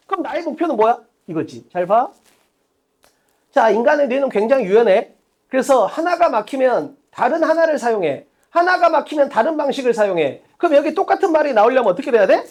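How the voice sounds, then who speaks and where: Woman exam tutor, slightly high and very animated pitch, blunt and emphatic, constant rhetorical questions at the board. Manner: emphatic, quizzing students with rapid rhetorical questions; blunt and colloquial, repeating key points. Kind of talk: lecture at a whiteboard.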